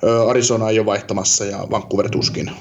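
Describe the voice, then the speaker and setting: A podcast co-host with a fairly low, level voice rambles through a casual chat, thinking aloud and using lots of fillers. The recording sounds dull and lo-fi, with slight background noise.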